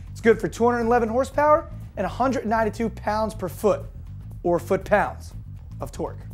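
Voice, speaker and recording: A hoarse woman hosting a daily car news show, reading scripted news with jokey deadpan asides. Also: medium pitch. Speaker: host.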